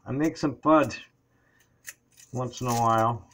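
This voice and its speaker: A man's voice: medium pitch, takes it slowly, a bit bright, slight background noise. An older man chatting casually as he cooks in a small home kitchen, rambling as he works, recorded by a camera sitting on the counter. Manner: rambling, chatty, talks while working. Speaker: home cook vlogger. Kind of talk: casual cooking chat.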